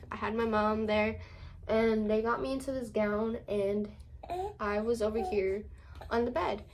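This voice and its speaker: A woman's voice: mid-range voice, a little mellow, a little hiss or hum. A woman vlogger casually recounting a personal story to camera, chatty and full of fillers.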